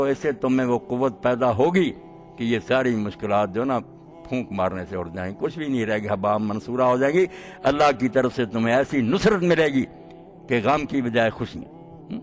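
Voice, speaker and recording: A man preaching a sermon, impassioned and swinging between quiet and loud delivery. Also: mid-range voice.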